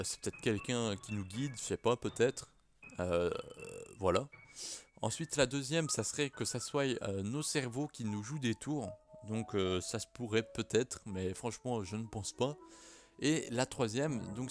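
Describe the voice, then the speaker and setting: A man talking casually to camera in a vlog, hesitant and full of filler sounds. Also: medium pitch. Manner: hesitant, many "euh" fillers. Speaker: YouTuber.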